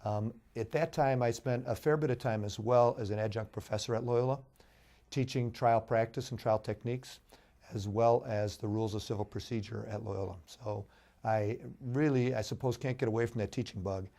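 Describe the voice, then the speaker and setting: A middle-aged man, hoarse from a cold, telling his background as a judicial candidate in an earnest, measured way. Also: mid-range voice, fairly even intonation, warm tone. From Chicago, USA. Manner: earnest, anecdotal, measured with fillers. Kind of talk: interview guest.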